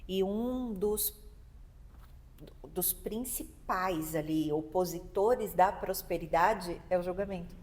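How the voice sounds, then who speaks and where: A woman's voice: fairly low pitch, takes it slowly, a little mellow. A young adult woman with a Brazilian Portuguese accent, co-hosting a podcast in a reflective, conversational casual chat. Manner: reflective, conversational, seeks agreement. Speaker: podcast co-host.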